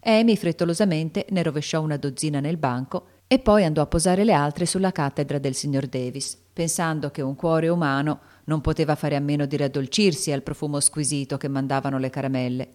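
Low-voiced woman narrating a storybook. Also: a little fast, hardly any pauses. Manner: expressive, dramatic storytelling. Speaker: audiobook narrator. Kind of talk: scripted narration of a classic novel.

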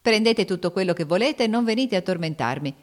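A woman voicing a brisk, weary mother in an audiobook, curt and dismissive. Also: medium pitch, animated, lightly acted. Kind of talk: audiobook character reading.

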